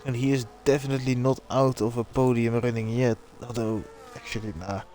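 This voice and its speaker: A man's voice: medium pitch, flat delivery, a little fast, darkish tone, a little hiss or hum. A man casually commentating a live sim racing stream and chatting with viewers. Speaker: race commentator.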